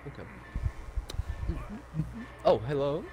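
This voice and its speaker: A man's voice: medium pitch, lively intonation, slow, mellow, faint music behind, rough recording. A young man in casual gaming chat, making dry, teasing remarks.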